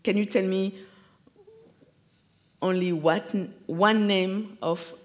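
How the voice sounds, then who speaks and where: Give me a slow, hesitant man groping for English words at a panel. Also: high voice, fairly even intonation. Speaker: art teacher. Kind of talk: panel conversation. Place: large hall with an audience.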